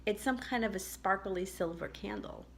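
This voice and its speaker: A woman's voice: medium pitch, moderate pace, vocal fry, a little hiss or hum. A middle-aged woman telling a personal story casually while crying, blubbering, her voice breaking with tears.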